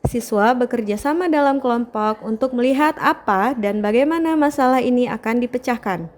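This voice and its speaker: A woman's voice: a little high, normal speed. A woman teacher giving a formal, scripted voice-over that explains her lesson step by step.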